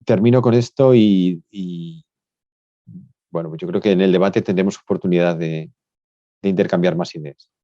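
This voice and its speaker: A low-voiced man talks as a university energy expert in a panel debate. His voice is mellow and his delivery measured, with pauses and fillers. The sound is dry, dull and lo-fi, like call audio. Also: no room sound.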